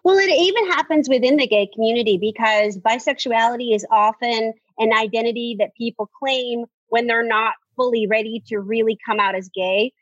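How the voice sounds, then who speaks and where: Higher husky woman guest, reflective, dry lo-fi audio. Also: normal speed, hardly any pauses, no echo. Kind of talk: casual conversation. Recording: dry, muffled lo-fi sound.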